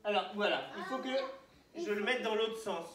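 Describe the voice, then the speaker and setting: A woman's voice: mid-range voice, normal speed, a crowd in the background. A woman teacher leading a class of young children, asking them questions and encouraging them. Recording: echoey classroom, from far off.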